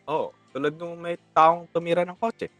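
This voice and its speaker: A man's voice: a little high, fairly even intonation, normal speed, fairly bright tone, dry recording, faint music behind. A young man with a Filipino accent in casual banter, mixing Tagalog and English within his sentences. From Philippines. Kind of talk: casual banter among friends.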